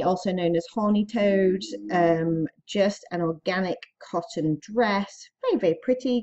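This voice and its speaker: A woman's voice: medium pitch, dark tone, dull audio. A pregnant woman chatting casually to camera as an online reseller, upbeat and a little out of breath, with frequent ums and small laughs. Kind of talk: casual vlog talk to camera.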